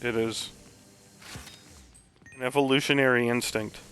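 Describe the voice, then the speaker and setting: A man's voice: medium pitch, fairly even intonation, a little slow, fairly bright tone, soft background music, low-quality recording. A man giving casual, rambling commentary while playing a video game, full of joking asides. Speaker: gaming channel host.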